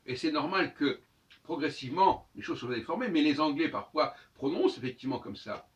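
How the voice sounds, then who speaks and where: A man lectures in a lively, rising-and-falling voice, sounding out each word several times. He is caught by a mic set a fair distance off, and the audio is dull and muffled. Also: a little high, brisk. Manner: didactic, repeats words to sound them out. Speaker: lecturer on language and astrology. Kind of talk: spoken monologue lesson.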